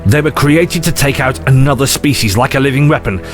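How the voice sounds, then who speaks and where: A man acting in an audio drama as an eccentric, excitable time-travelling adventurer, theatrical and given to rambling digressions. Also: medium pitch, brisk, natural voice. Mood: excited, rambling. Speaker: lead actor in an audio drama. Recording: music under the voice.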